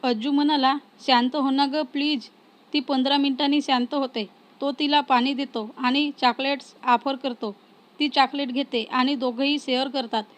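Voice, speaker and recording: A woman narrating a romance story in a calm, measured reading. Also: high voice.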